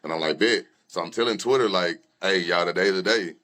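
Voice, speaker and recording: A man's voice: low-pitched, fairly quick, fairly bright tone. A young man, a rapper and guest, telling his personal story candidly in loose conversational talk with many fillers and restarts. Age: young adult.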